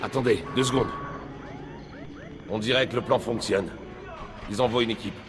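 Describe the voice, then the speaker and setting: A man's voice: mid-range voice, steady tone, normal speed, noisy background, close to an everyday voice. An actor playing a terse male resistance squad leader who gives clipped commands in a game. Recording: game audio, loud street ambience.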